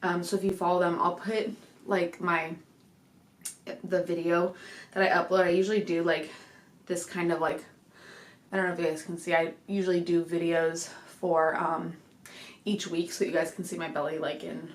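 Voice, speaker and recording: In this laid-back pregnancy update, a young vlogger talks to the camera at home, slightly out of breath and leaning on fillers as she rambles. Recorded on a desk microphone in an echoey room, her fairly low voice stays level at a normal pace.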